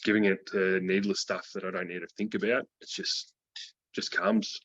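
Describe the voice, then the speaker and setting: A man's voice: low-pitched, very animated, moderate pace, creaky, a bit bright, slightly rough, dry recording. A man, giving a casual interview in slangy, laid-back speech. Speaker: interviewee, programme graduate. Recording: dull lo-fi call audio.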